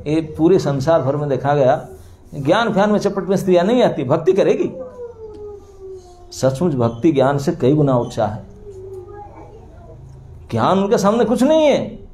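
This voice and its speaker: A fairly high-voiced man preaching in a temple hall, his tone mellow and soft-edged. He tells the story in an animated way, acting out the characters' pleading, and laughs now and then. A faint hum of room noise sits behind him. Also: a little slow, pauses often. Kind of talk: scripture storytelling sermon. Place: temple hall before a seated audience.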